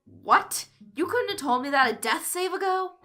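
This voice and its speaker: A woman's voice: medium pitch, fairly even intonation, rapid-fire, pushed and bright, soft background music, close to an everyday voice. A woman reading a fanfic aloud, voicing a grumpy teenage boy at a game table. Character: grumpy teen boy player.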